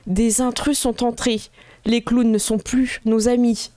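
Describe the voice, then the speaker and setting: A woman game master voicing a female robot alarm announcement over loudspeakers, in a slow, measured tone. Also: fairly high pitch, flat delivery, natural voice. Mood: cold warning.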